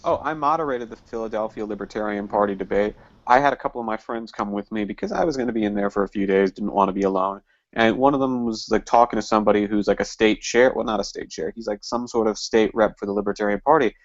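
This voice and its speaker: A man being interviewed on a podcast, talking in emphatic, animated bursts. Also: on the low side, fast, no echo. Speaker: guest, party office candidate. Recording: dull lo-fi dry sound.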